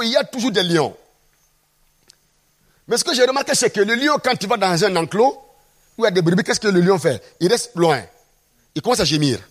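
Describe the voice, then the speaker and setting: A man's voice: sits high, fairly bright tone, breathy edge. A man preaching a sermon, emphatic and often putting questions to the congregation.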